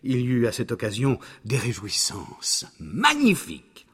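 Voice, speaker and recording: A man reading a fairy tale aloud in an expressive, dramatic storyteller manner. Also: medium pitch, a little slow, husky. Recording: narration over background music.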